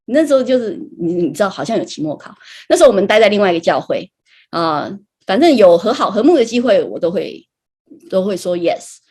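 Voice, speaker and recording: Husky-voiced woman telling her faith story. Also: mid-range voice, big pitch swings, brisk, darkish tone. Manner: chatty storytelling, frequent light laughs and tag particles. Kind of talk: conversational personal testimony.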